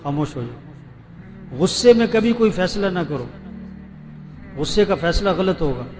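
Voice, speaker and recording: A man's voice: sits high, expressive, a little mellow, a little hiss or hum. A man preaching a sermon to a seated gathering with a Pakistani Urdu accent, repeating questions for his listeners to answer. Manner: rhetorical questions, call-and-response repetition.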